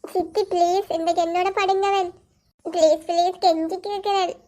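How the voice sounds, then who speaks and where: A caring, eager little cartoon girl with a shrill, very high voice and a Sri Lankan Tamil accent, as a woman voices her. She pleads and frets in quick bursts. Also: expressive. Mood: pleading.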